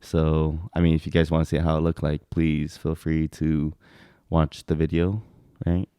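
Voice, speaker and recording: A young man with a very deep, even voice speaks as a podcast guest in casual chat. His tone is dark and smooth, and he rambles in a relaxed way, full of fillers. The recording is dry and close. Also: unhurried, no echo. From California, USA.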